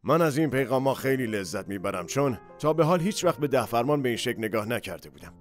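A man with a medium-pitched, fairly everyday voice dubs an earnest middle-aged pastor giving a sermon. He speaks conversationally and puts questions to the audience, recorded in an echoey hall with faint music.

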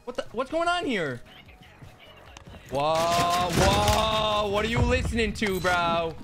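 A man streaming a shooter game, commenting loudly and teasing the strangers he meets. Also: sits high, big pitch swings, slow pace, loud music behind the voice. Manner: loud, playful, teasing. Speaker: gaming streamer. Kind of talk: excited gameplay commentary and trolling.

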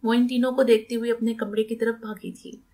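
A woman's voice: on the high side, little pitch movement, fairly quick, mellow. Woman narrating a romance audiobook.

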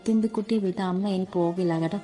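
A woman voicing a gentle young woman, soft, affectionate, low-pitched, flat, storybook reading. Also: fast talker, faint music behind, lightly acted. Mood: tender.

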